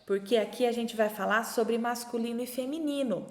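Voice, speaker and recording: Sing-song Brazilian teacher in an echoey room. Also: female voice, a little high, darkish tone. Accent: Brazilian Portuguese. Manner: slow, sing-song explaining, stretching out syllables. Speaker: primary school teacher. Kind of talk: recorded lesson for young children. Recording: echoey room with long reverb.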